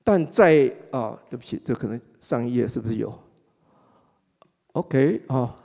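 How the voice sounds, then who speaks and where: An older man with a Taiwanese Mandarin accent speaks in a dark, mellow voice that rises and falls in lively swings. He talks in a chatty, wry way, drawing out the particles at the ends of his phrases. His voice rings with the long reverb of a performance hall. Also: mid-range voice, unhurried, gravelly. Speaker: speaker at a book club event. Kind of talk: relaxed public talk. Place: performance hall before an audience.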